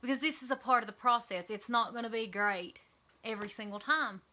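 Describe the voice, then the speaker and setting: A woman's voice: a little high, a little fast, pushed and bright. A woman with an Eastern Kentucky accent talking casually and candidly to camera in a vlog, with frequent ums and likes. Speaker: vlogger.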